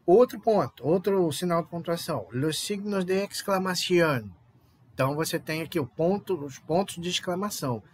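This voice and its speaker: A man's voice: sits high, lively intonation, moderate pace, slightly rough. A Brazilian man with a Brazilian Portuguese accent, a native Portuguese speaker, teaching a recorded online Spanish lesson and checking understanding with frequent little tag questions. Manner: explains patiently, often checks with "tá?" and "né?".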